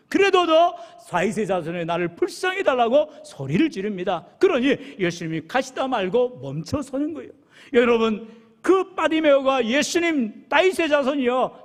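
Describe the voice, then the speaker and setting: A man preaching a sermon as pastor, lively and playful, calling on members of the congregation. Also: very high-pitched. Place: church sanctuary. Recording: long reverb of a church sanctuary.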